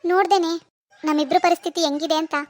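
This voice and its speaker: A woman voicing a boastful rich young woman who taunts and lectures her poorer sister in an animated cartoon. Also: very high voice, fast talker, no room sound, clean studio sound. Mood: taunting. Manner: taunting, scolding, preachy.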